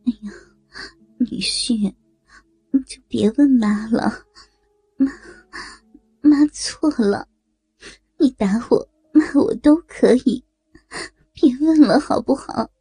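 A woman's voice: fairly high pitch, slow pace, pauses often, dark tone, slightly rough, no room sound, faint music behind, rough recording. A woman voicing a meek middle-aged mother-in-law in an audio story, who begs and stammers in a tearful, submissive way. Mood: tearful pleading. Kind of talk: erotic audio story acting.

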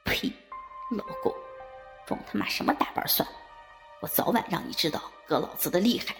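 Woman putting on a low, sly, resentful lackey. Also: animated, brisk, soft background music. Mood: spiteful. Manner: fawning to his face, spiteful muttering behind the door. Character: sly resentful male lackey nicknamed Fatty.

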